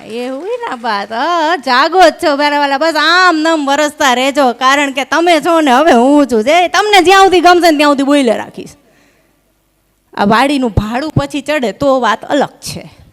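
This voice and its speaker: A woman's voice: sits high, normal speed, fairly bright tone. A young woman performs stand-up on a live stage. She talks into a stage microphone, chatty and teasing with the crowd. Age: young adult. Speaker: stand-up comedian. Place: live stage at an event hall.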